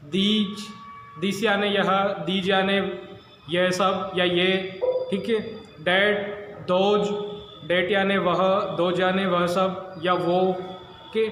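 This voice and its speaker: A man's voice: high voice, a bit bright. A male teacher from India giving a blackboard lesson, explaining step by step and asking and answering his own questions. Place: classroom with blackboard. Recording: very echoey room, long reverb, faint noise.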